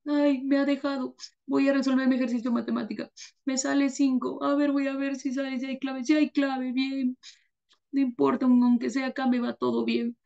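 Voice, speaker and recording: A tearful, heartbroken young student, put on by a woman, whining in a high, strained voice. The sound is dull and lo-fi, and the voice is soft and mellow even while it sobs. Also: moderate pace, vocal fry. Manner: whiny, sobbing complaints.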